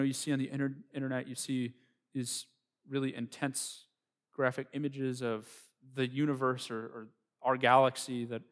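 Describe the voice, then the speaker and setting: A man preaching a sermon, earnest and reflective, building to emphatic points. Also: medium pitch. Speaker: pastor.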